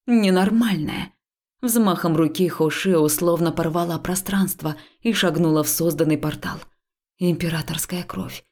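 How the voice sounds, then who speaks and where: A woman reading a first-person story aloud, dramatic, slipping into hushed whispers for tense dialogue. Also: sits low. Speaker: audiobook narrator.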